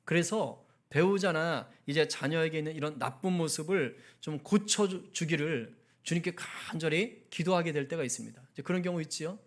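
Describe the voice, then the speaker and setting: At a midweek prayer meeting, a male pastor with a high voice preaches in a conversational way, asking the congregation questions and acting out angry outbursts in quoted speech. He talks at a normal speed with hardly any pauses.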